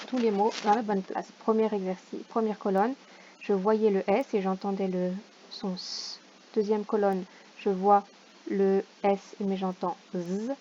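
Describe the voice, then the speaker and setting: A primary school teacher, a woman, going over a homework correction for parents, sounding out each word slowly syllable by syllable. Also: mid-range voice, warm tone, dull audio, a little hiss or hum. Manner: slow, deliberate, sounds out words syllable by syllable.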